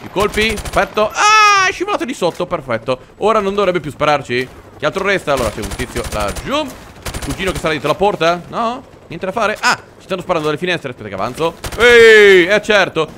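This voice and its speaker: A man, giving excitable, jokey let's-play commentary as he plays a war game. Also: fairly high pitch, background noise. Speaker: gaming commentator. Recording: game gunfire behind.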